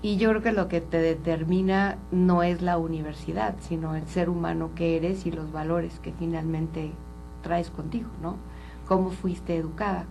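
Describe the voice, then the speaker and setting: A woman's voice: fairly low pitch, steady tone, moderate pace, gravelly, warm tone, a little hiss or hum, low-quality recording. A woman from Colombia, a psychologist speaking earnestly and openly as an interview guest. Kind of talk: candid interview talk.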